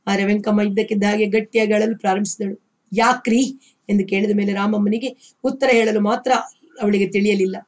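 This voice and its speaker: A woman narrating a novel as an audiobook reader, in a steady, expressive storytelling manner. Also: mid-range voice, a little fast. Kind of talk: scripted literary narration.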